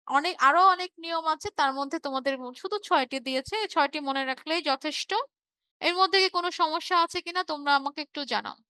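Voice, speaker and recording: Giving an online revision class, a woman teacher from Bangladesh patiently explains material, repeats key words and checks that her students are following. Her voice sits high and is bright and forceful, and the recording is dry.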